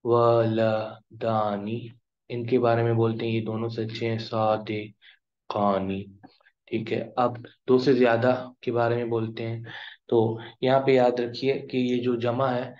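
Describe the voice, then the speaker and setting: A male teacher explaining grammar in a classroom lesson, drawing out each example word slowly. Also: medium pitch, completely flat delivery, darkish tone. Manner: slow, drawn-out pronunciation of example words. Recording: dull lo-fi recording.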